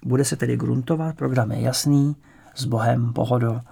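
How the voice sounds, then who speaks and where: A man reading a story aloud as an audiobook narrator, in a calm storytelling manner. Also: mid-range voice, vocal fry, slightly rough. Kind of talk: scripted narration.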